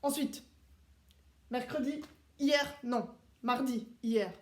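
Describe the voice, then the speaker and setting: Extremely high-pitched and slow, a man barks clipped, precise commands as a strict Swiss soldier substituting as a teacher for children. It's a playful classroom role-play with a drilling mood, recorded very noisily with roomy echo.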